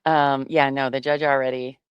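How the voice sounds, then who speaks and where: A woman's voice: very deep voice, level tone, moderate pace, smooth, no room sound, lo-fi sound. A woman co-hosting a casual chat, thinking aloud with frequent fillers. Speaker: co-host.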